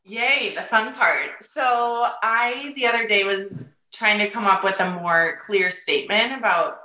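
Woman, bright voice, podcast guest, chatty and expressive, noticeably echoey room. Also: medium pitch, a little slow, slight background noise. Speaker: podcast guest, feeding therapy business owner. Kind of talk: casual interview chat. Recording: echoey, roomy sound.

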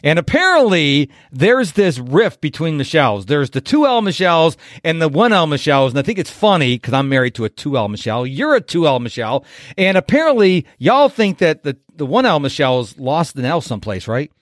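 Animated, upbeat podcast host. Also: male voice, a little high, a little fast, dry recording, clean studio sound. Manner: energetic, animated, enthusiastic delivery.

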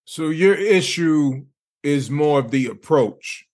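A man's voice: a little high, slow pace. Male host from Lawrence, Massachusetts; casual, slangy, easygoing interviewer. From Lawrence, Massachusetts, USA. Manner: relaxed, conversational, slangy.

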